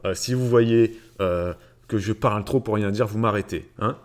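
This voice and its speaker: A man's voice: lowish voice, moderate pace. A man hosting a casual personal finance livestream, greeting viewers by name and chatting with many fillers and repeated words. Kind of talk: casual livestream chat reading viewer comments.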